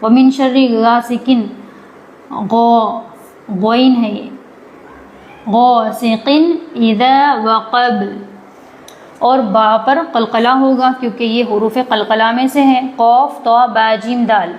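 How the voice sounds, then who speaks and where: Woman slowly teaching Quran recitation. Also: fairly high pitch, steady tone, a little mellow, muffled recording, a little hiss or hum. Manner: slow drawn-out recitation with quick explanations between; asks questions then answers them herself. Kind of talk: live online tajweed lesson.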